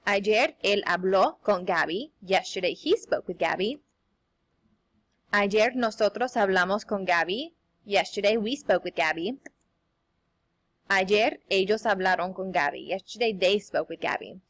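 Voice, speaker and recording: Woman, young adult, teacher, upbeat, sing-song, slow careful examples, mid-pitched voice. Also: animated. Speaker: Spanish teacher. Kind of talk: recorded classroom lesson.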